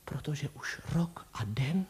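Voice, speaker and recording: A man voicing a pale, lovesick young woman who speaks softly in a half-whisper. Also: mid-range voice, sing-song, breathy edge. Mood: sorrowful. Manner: soft, half-whispered sighing speech.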